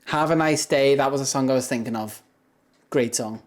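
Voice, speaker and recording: A young man with a deep voice chats casually with his livestream viewers at a moderate pace. He rambles and laughs often between thoughts.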